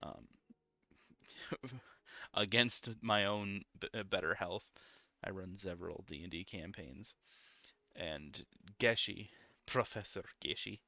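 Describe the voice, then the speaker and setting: A young man streaming a game in a calm, low-energy, mellow way, full of ums and easy asides. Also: slow, no echo. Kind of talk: casual gameplay stream chat. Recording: slightly muffled lo-fi audio with faint music.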